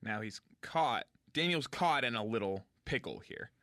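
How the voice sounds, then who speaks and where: A man with a bright, forceful voice, co-hosting a loose comedy podcast. He riffs casually and backs up his partner. The sound is dry and close, with no room around it. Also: mid-range voice, animated, dry recording. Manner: agreeable, quick to back up his partner. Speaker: podcast co-host.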